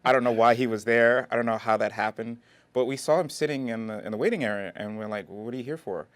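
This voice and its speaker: A man's voice: medium pitch, quick pace, smooth, dry recording. Filmmaker guy telling a casting story, laughing a bit, dry close sound. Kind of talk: anecdote in an interview.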